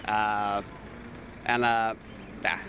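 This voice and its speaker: A man's voice: lowish voice, little pitch movement, very slow, bright, forceful tone. A man from Albania with an Albanian accent, co-hosting a casual talk show in a city park, filling his speech with "you know" and "uh". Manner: many fillers, "you know" and "uh". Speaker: co-host. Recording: faint outdoor city noise.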